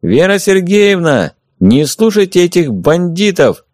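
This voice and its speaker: A man playing a coaxing enemy envoy, raised and high. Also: lively intonation, measured pace, no room sound, studio quality. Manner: ingratiating, calling out loudly. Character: smooth-talking male enemy envoy, coaxing and insincere. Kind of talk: audiobook character voice.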